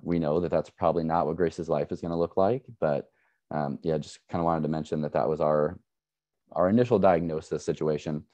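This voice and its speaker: A man giving an earnest, measured personal account as a parent at an education session, with frequent restarts. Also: very deep voice, steady tone, mellow, no echo, highs cut off. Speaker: parent speaker.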